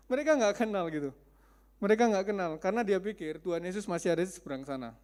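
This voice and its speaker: A man's voice: on the high side, darkish tone. A male preacher giving a conversational sermon, often putting questions to his congregation.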